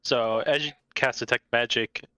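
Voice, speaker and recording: A man's voice: medium pitch, steady tone, normal speed, bright, forceful tone, a little hiss or hum, rough recording. A man running a tabletop game as game master, narrating casually with many fillers. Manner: casual, filler-heavy, laughs easily.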